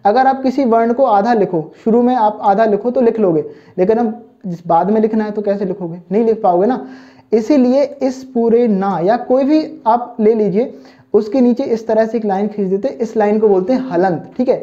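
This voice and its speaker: Warm-toned and sitting high, a Hindi teacher's voice moves at normal speed through an online exam-prep class. He repeatedly asks "thik hai" and "samajh mein aaya na" to check that students have understood, affectionately addressing them as children, in a dull, muffled lo-fi recording.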